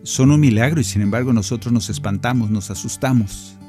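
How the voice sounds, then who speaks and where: Mellow-voiced man preaching over guitar. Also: mid-range voice, a little fast. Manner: earnest, gently persuasive, speaks directly to the listener. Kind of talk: conversational preaching reflection. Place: home recording studio.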